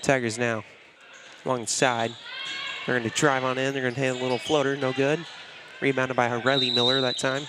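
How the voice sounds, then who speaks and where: A man calling live basketball play-by-play in a brisk, steady way, leaning on "it's gonna be" over and over. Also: medium pitch. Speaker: play-by-play announcer. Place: school gymnasium during a game. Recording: loud gym noise with bouncing balls.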